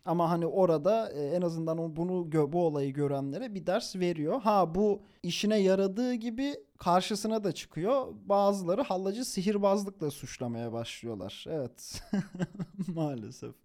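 High-voiced young man telling a story. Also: normal speed. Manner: animated, chuckles while telling; informal slang, self-corrections. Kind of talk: casual spoken storytelling.

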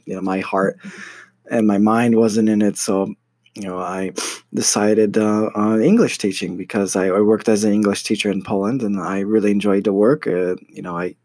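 A young American university student with a fairly low, darkish voice talks through a personal story about his studies. He sounds casual and unsure, full of fillers and restarts, and there is no echo.

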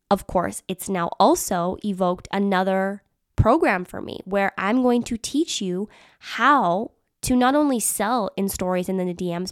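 A woman's voice: mid-range voice, smooth, dry recording, clean studio sound. A woman hosting her own podcast, talking in an upbeat, chatty, emphatic way as a business mentor. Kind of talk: casual solo podcast talk.

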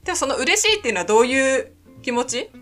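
A woman's voice: high-pitched, big pitch swings, quick pace, a bit bright, faint music behind. A woman from Sapporo chatting casually as a podcast co-host, attentive and agreeable in how she responds. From Sapporo, Japan. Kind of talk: casual chat.

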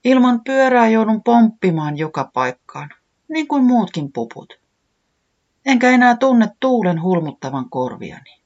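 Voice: mid-range voice, sing-song, a little mellow, lo-fi sound, pitched above the performer's own voice. A weepy little bunny boy, as a storyteller puts him on. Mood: despairing. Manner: wailing, easily weeping. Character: tearful excitable young male bunny.

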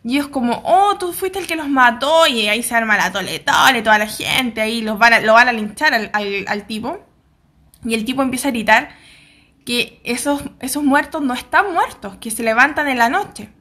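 A woman's voice: a little high, moderate pace, pushed and bright. A young Chilean woman with a Chilean accent, casually retelling a drama's plot in a chatty way and acting out the characters' lines. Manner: chatty, acts out characters' lines, slangy asides.

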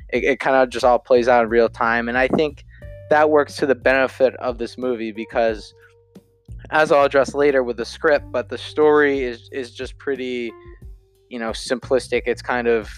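A man's voice: mid-range voice, clear, resonant tone. A man giving a casual spoken film review, rambling with lots of fillers and self-corrections.

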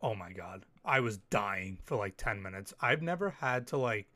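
A man hosting a casual solo podcast, telling stories in an animated way, swearing freely, a little sick with an occasional cough. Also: fairly low pitch, no echo. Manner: animated storytelling, swears freely, quick asides. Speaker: podcast host.

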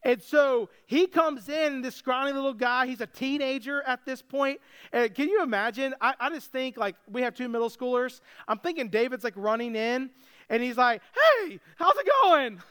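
A man's voice: extremely high pitch, steady tone, moderate pace, fairly bright tone, clear, resonant tone. A young man preaching a sermon as pastor, casual and joking as he tells the story.

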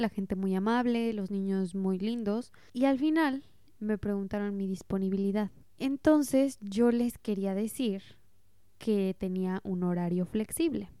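A woman's voice: medium pitch, moderate pace, dark tone, clear, resonant tone, no room sound, clean studio sound. A young woman from Mexico with a Mexican accent, casually telling self-mocking stories about her slip-ups while learning a language. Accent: Mexican Spanish. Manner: chatty and self-mocking, laughs at her own mistakes. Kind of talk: casual storytelling monologue.

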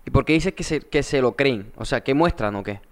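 Casting: male interviewer, coastal Colombian accent, medium pitch, informal and inquisitive, slangy chat. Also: expressive, brisk.

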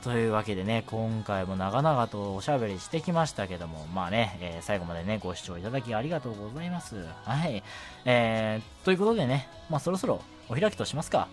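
Over background music, a young man runs a casual solo radio show, speaking fast in a lowish, animated voice. A young adult and amateur voice actor, he keeps things polite and chatty, dropping in frequent short affirmations.

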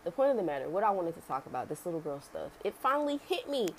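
A woman's voice: fairly low pitch, sing-song, quick pace, a little hiss or hum. Chatty young woman rambling on a podcast. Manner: rambling, candid, slangy and conversational. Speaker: podcast host. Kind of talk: casual solo podcast talk.

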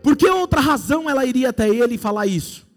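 A Brazilian preacher with a very high voice delivers a sermon in a playful storytelling way. He acts out imagined scenes for his listeners with a Brazilian Portuguese accent. Faint music sits behind his voice. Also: animated, fast talker.

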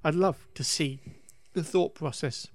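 This podcast host speaks at a measured pace in a voice on the high side, with no room sound behind him. He rambles through a film recap, wry and a bit fed up, restarting lines and dropping the occasional swear word in casual conversation.

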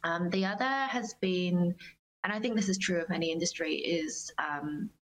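A singer-songwriter appearing as a guest gives reflective, earnest interview answers, phrasing her thoughts with care. Her voice is on the low side at a moderate pace, and the recording is rough.

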